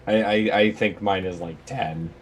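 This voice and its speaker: Low-voiced man player, casual. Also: fairly even intonation, measured pace, slight background noise. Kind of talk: playing a tabletop game.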